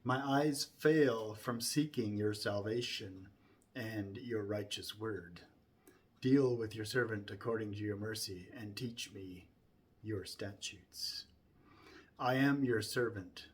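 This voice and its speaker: Very slow and solemn, a fairly low-voiced man speaks scripture from memory. Every phrase is placed deliberately, beginning strongly and easing off gently as it finishes.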